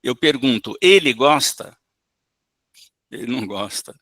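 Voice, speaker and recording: A man teaching a spiritist class over a video call, explaining slowly and calmly. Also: mid-range voice, no echo. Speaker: spiritist course instructor. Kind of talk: online lecture.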